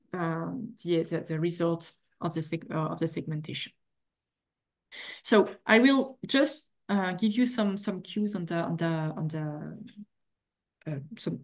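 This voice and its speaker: A middle-aged woman giving an academic keynote over a video call, halting often with fillers and restarts. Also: lowish voice. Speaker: keynote speaker. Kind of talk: academic lecture. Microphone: video call webcam.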